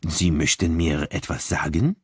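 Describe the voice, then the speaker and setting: A man voicing a calm, unflappable older male detective who speaks low, gently and slowly, with a mildly ironic manner. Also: husky, dry recording, clean studio sound, full character voice. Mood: calm, gentle. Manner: mild, encouraging, quietly ironic.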